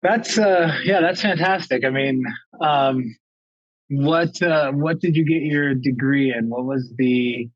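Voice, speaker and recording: A man chats with his guest over a video call, loose and easygoing, pausing on fillers as he thinks. His voice sits at a middle pitch. The call audio is dry and a little dull. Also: no room sound. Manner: easygoing, hesitant with many fillers. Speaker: interviewer. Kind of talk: casual video call chat.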